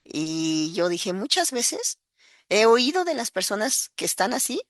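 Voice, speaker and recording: A woman's voice: medium pitch, big pitch swings, a little slow, dry recording, clean studio sound. Earnest Mexican woman sharing a testimony. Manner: earnest, breaks into acted quotes, many fillers. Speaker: guest giving a testimony. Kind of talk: emotional personal testimony.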